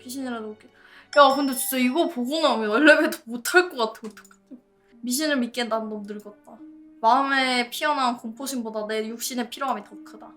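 A woman's voice: a little high, quick pace, a bit bright, soft background music. A woman streaming a horror game, commenting and reading the text aloud in a scared, jumpy manner with exclamations. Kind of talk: gameplay commentary with on-screen text read aloud.

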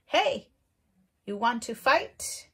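A woman voicing a grouchy, pushy little ladybug who loudly picks fights. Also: very animated, drawn-out words, husky, heavily acted. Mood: challenging. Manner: high, loud, challenging.

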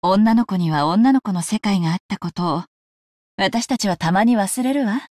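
A woman voicing a calm, composed adult woman in a game, measured in her speech. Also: medium pitch, no room sound, clean studio sound, close to an everyday voice.

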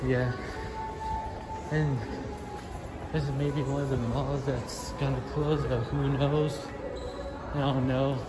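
A man's voice: mid-range voice, level tone, slow pace, long pauses, loud music behind the voice, poor audio. A nineteen-year-old man giving a casual, rambling walking tour of a shopping mall, talking into a phone as he walks. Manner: rambling, easygoing, many fillers. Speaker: vlogger touring a mall. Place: large indoor shopping mall. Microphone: phone camera held while walking. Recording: loud background noise.

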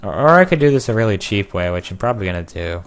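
Low-voiced young man joking over gameplay. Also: big pitch swings, fast talker, clean tone. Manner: joking, sarcastic, loud outbursts. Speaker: gameplay video creator. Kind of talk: casual gameplay commentary.

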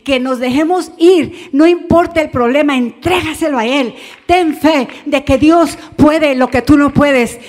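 A woman pastor, preaching a Bible study sermon fervently and growing louder as she makes her appeals. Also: high-pitched.

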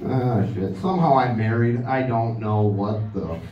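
A man's voice: mid-range voice, measured pace, recorded from a distance. A man in his thirties with a lisp, doing a self-deprecating stand-up comedy set on a club stage. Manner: self-deprecating, dry delivery. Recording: dull, roomy club recording from afar.

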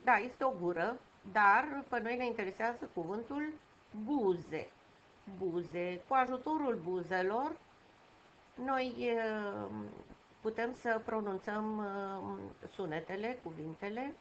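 A woman teaching a lesson for young children, patient and repeating key words slowly. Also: a little high, fairly bright tone. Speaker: primary school teacher. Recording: dull home recording with faint noise.

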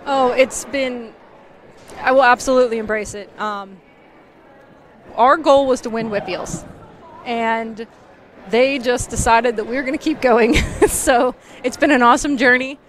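Coach lady in her 30s, headset mic in a big empty gym, kinda high voice, says um a lot. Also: steady tone, measured pace. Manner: earnest, many filler ums. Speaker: high school volleyball coach. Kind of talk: postgame interview. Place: empty indoor gym courtside.

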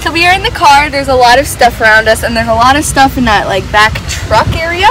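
High-voiced chatty teenage girl vlogging. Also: animated, fairly quick, music in the background, low-quality recording. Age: teens. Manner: chatty, upbeat, says "like" a lot. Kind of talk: casual vlog narration. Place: camper and car, indoors.

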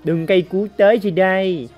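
A woman giving lively gameplay commentary as a mobile game streamer, chatting to viewers and making shooting sound effects. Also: deep voice, muffled recording.

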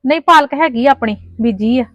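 A woman's voice: high voice, fairly quick, no echo. A woman playing a poor mother who pleads humbly with a neighbour and mutters to herself, in a family drama. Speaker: mother hosting in-laws. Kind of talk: Punjabi village family drama acting.

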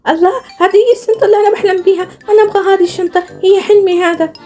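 Lady doing a high squeaky little girl, eager and pushy, talks fast. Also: steady tone, warm tone, faint music behind. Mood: excited. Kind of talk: role-play with game characters.

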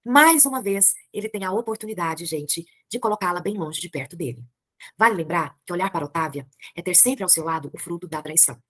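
A woman's voice: on the low side, expressive, fairly quick, fairly bright tone, slightly rough, no room sound. A Brazilian woman teaching a literature class, chatty and gossipy as she talks to her students. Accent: Brazilian Portuguese.

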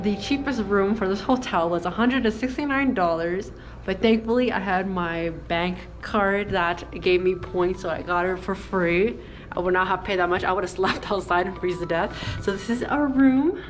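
A woman's voice: medium pitch, normal speed. Chatty young woman vlogging on the road. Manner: chatty and excitable, with frequent "like". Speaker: travel vlogger. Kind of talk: casual vlog chat to camera. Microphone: handheld action camera at arm's length. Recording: background music under the voice.

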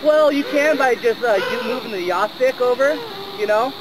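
A man's voice: extremely high pitch, moderate pace. Easygoing man chatting outdoors, noisy. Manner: easygoing, short affirmative replies. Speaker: drone pilot. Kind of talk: casual chat outdoors. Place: open park outdoors.

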